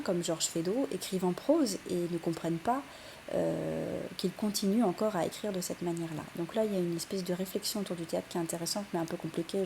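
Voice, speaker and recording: Young female teacher, gravelly voice, patient explainer with fillers. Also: lowish voice, mellow, slight background noise. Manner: explanatory, many fillers and restarts. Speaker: French literature teacher. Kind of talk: recorded lesson for students.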